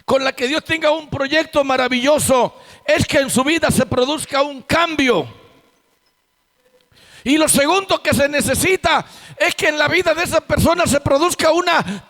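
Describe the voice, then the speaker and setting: A man's voice: very high voice, fairly bright tone. A man preaching a sermon as pastor, emphatic and full of rhetorical questions. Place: church sanctuary. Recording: long hall reverb in church.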